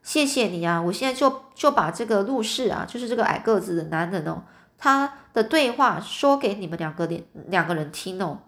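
A woman's voice: medium pitch, lively intonation, brisk, fairly bright tone. A woman reading a storybook aloud, voicing a plain, honest middle-aged pawnbroker who sounds earnest and a little bewildered.

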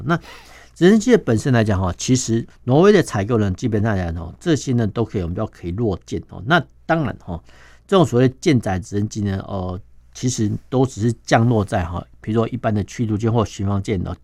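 A man with a Taiwanese Mandarin accent speaks as an interview guest, laying out his points step by step. His voice sits fairly low and he keeps tacking soft particles onto his phrases. The recording is close and dry, with no room sound. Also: fast, no room sound. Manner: sprinkles sentences with filler particles; steady, explaining step by step. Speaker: guest defense journalist. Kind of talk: explanatory interview talk.

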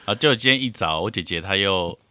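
Deep bright-toned man chatting casually. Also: animated, fairly quick, dry recording. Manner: attentive listener, frequent short affirmations. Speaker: podcast co-host. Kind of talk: casual chat.

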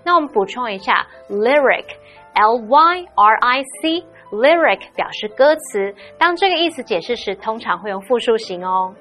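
A woman with a fairly high voice gives a broadcast lesson explanation. She drops English words into Mandarin, with soft music underneath. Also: animated, a little slow. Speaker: English teacher explaining a dialogue.

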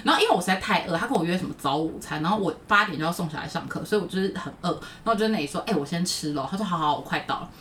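A woman in her thirties with a Taiwanese Mandarin accent, hosting a podcast and telling stories in a casual chat, animated and laughing. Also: rapid-fire, hardly any pauses, recorded from a distance, slight background noise. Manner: animated, laughing, swooping pitch when retelling stories. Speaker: podcast host. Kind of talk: casual chat, lively storytelling.

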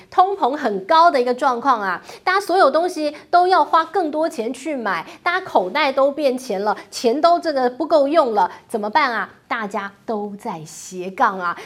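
A woman hosting a finance commentary show, talking in an animated way, full of rhetorical questions and wry asides. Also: on the high side. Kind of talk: talk-show commentary on the economy.

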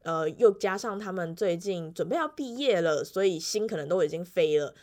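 A young woman with a Taiwanese Mandarin accent, a music teacher telling school stories in a casual vlog, animated and laughing often. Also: fairly low pitch, normal speed. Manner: chatty, animated storytelling with frequent laughs and fillers. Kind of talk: casual weekly vlog storytelling.

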